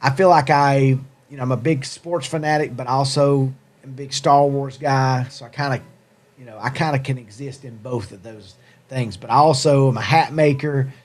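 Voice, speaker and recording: He's a hat company owner from Tennessee hosting a livestream, his Southern American accent carrying a rambling, jokey, self-deprecating chat with viewers. The voice is medium-pitched, with fairly even intonation and a moderate pace.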